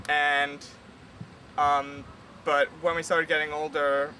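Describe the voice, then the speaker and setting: A man's voice: fairly high pitch, a little hiss or hum. A young man in his twenties, an art student, talking casually with fillers in a documentary interview. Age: 20s. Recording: loud music behind.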